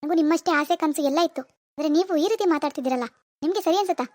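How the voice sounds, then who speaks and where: A woman's voice: high voice, rapid-fire, darkish tone, no echo, lightly acted. A woman voicing a grieving, defensive mother-in-law in a cartoon. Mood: indignant. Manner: wailing laments, then stern rebukes. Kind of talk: animated cartoon voice acting.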